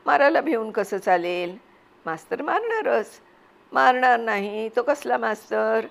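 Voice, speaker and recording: A woman's voice: a little high, animated, unhurried, gravelly. A woman reading aloud and voicing a stern, old-fashioned village father who scolds and coaxes his son. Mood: gruffly coaxing. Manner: scolding then coaxing.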